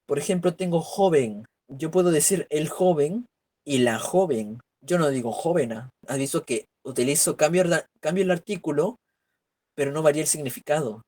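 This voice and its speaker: A warm, rather high male voice at a normal pace leads an online grammar class. Captured by a computer mic on a video call, the virtual lecture walks through examples and includes rhetorical questions.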